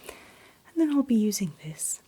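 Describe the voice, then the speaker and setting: A woman doing a whispered role-play as a calm dentist, speaking in a breathy whisper with gentle, reassuring, unhurried instructions. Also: mid-range voice. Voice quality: breathy, mostly unvoiced whisper. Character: calm, attentive dentist soothing a patient. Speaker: ASMR performer playing a dentist.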